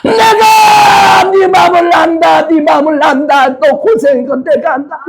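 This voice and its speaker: A man preaching who voices the Lord welcoming a beloved soul, proclaiming with fervent shouts. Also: very high voice, fairly even intonation, unhurried, some chatter behind, pitched above the performer's own voice. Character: adoring heavenly Lord, male, exultant.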